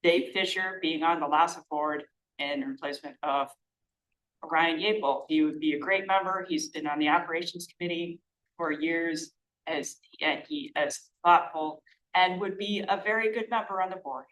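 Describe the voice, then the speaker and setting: A woman's voice: low voice, moderate pace, fairly bright tone, poor audio. A woman from a local sanitary authority board speaking hesitantly in support at a township board meeting. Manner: hesitant, with many fillers. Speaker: sanitary authority board member at public comment.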